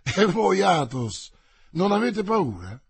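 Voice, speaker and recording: A hearty, simple-minded giant of a musketeer, as a male narrator puts him on in an audiobook. His lines are boisterous, pitched a little high, with a husky grain. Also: sing-song, slow, heavily acted. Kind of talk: audiobook reading.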